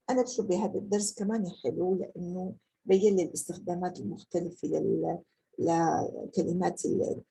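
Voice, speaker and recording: A woman teaching a French grammar lesson. She explains in casual dialect, with hesitations, and reads the French examples slowly and carefully. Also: fairly low pitch, gravelly, mellow, breathy edge, low-quality recording. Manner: frequent hesitations and restarts.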